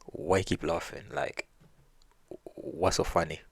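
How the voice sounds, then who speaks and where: Folk-tale wife, demanding and sharp, man reading, low and husky. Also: level tone, slow, no room sound, heavily acted. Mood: annoyed. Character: annoyed, sharp-tongued village wife.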